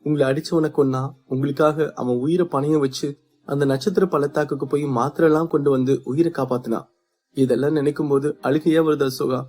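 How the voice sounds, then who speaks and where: A tender young woman martial student from a storybook, earnest and pleading, as a man narrator puts her on. The voice stays dark and mellow with a husky edge. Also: medium pitch, lightly acted.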